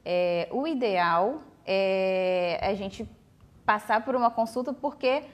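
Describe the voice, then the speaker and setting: A speech therapist with a Brazilian Portuguese accent is on a TV talk show in the studio, explaining voice care slowly and patiently. Her medium-pitched voice has lively intonation, and she uses many fillers such as "né" and "tá."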